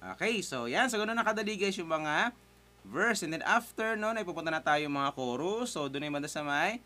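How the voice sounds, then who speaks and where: A man's voice: fairly high pitch, lively intonation, normal speed, pushed and bright. A man giving a casual guitar lesson, chatty and encouraging, calling out chords and counting strums aloud. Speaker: guitar teacher. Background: his own guitar playing.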